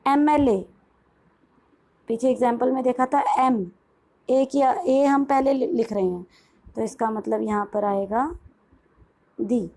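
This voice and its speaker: Captured on a low-quality recording, this bilingual classroom lesson features a woman whose voice is a little high with a dark tone. Switching between Hindi and English to teach pronunciation, she poses questions, supplies the answers herself and stretches English phrases out slowly, word by word.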